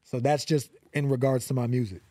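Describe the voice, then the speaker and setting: Brief: mid-twenties male rapper from LA, warm mellow tone, dry close mic, slangy and earnest. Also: mid-range voice, fairly even intonation, a little fast, no echo. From Los Angeles. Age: 20s. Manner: slangy, repeats fillers, earnest. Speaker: rapper guest. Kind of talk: casual interview.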